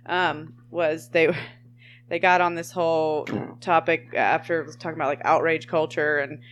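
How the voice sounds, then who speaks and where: A woman's voice: low-pitched, steady tone, unhurried, a little hiss or hum. A woman co-hosting a podcast, chatting casually in a rambling way with trailing starts. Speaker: podcast co-host. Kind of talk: casual chat.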